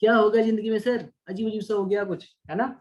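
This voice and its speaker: A man's voice: high voice, steady tone, fast talker, dull audio, lightly acted. A male teacher voicing a confused, whining schoolkid student who pleads in an exaggerated way.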